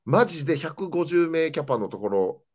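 A man's voice: a little high, normal speed. A young man, a comedian chatting as host and telling stories with lots of animation. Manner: animated storytelling, voice jumping up and down. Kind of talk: casual chat.

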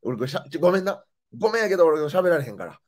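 Man, Kansai accent, host, casual chat, lively storyteller, pitch jumps around a lot. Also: very fast. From Nara, Japan. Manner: animated, expressive storytelling with laughter.

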